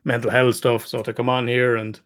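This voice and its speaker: A man's voice: mid-range voice, level tone, fairly quick, fairly bright tone. A middle-aged man, a therapist guesting on a podcast, telling a story in a chatty way, repeating words and swearing casually.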